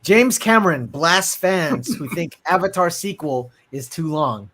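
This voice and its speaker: Chatty male podcast host, slightly high voice. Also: expressive, a little slow, fairly bright tone. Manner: loose and chatty, many fillers. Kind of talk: casual podcast chat, reading news items.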